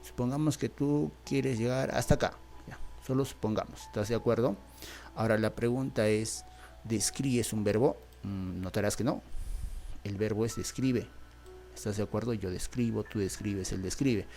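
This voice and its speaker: A man's voice: lowish voice, normal speed, dark tone, faint music behind. A male teacher from Peru with a Peruvian Spanish accent, patiently explaining grammar and repeating each point. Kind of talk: grammar lesson.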